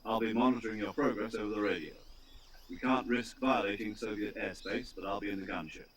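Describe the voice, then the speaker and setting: An actor playing an authoritative male military commander in a video game, giving crisp, instructive briefings. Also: fairly low pitch, brisk, lightly acted. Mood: calm, instructive.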